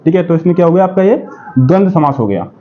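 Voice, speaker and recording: Male exam-prep tutor, high voice, drilling by call and answer, dull lo-fi recording. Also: expressive, quick pace. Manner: repeats questions and answers them himself, says "ठीक है" often. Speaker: exam-prep Hindi teacher. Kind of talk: classroom-style lesson. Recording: dull lo-fi sound.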